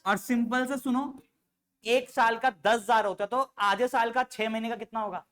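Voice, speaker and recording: This male accountancy teacher, lecturing live, keeps quizzing his students as he works an example, affectionately addressing them as "beta." He speaks at normal speed with an extremely high, steady, fairly bright voice.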